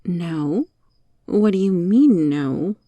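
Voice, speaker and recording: A woman plays a sly, teasing monster cockroach girl in an ASMR roleplay, taunting and coaxing with deliberate, sometimes whispery delivery. Her voice is on the low side, warm, expressive and exaggerated, and the recording is dry.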